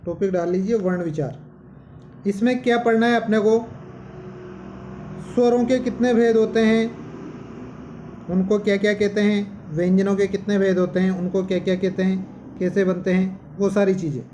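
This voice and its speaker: A man's voice: high-pitched, fairly even intonation, moderate pace, long pauses, dark tone, a little hiss or hum. A man teaching a Sanskrit grammar lesson, talking to his students as children and patiently repeating each term.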